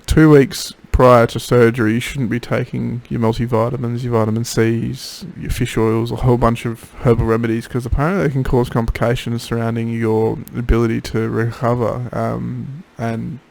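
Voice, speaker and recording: A man records a casual diary while recovering from throat surgery. His mid-pitched voice is gravelly with fry. He sounds tired and drowsy, with little energy in his delivery. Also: little pitch movement, moderate pace, hardly any pauses, darkish tone. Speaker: patient keeping a recovery video diary. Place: home office.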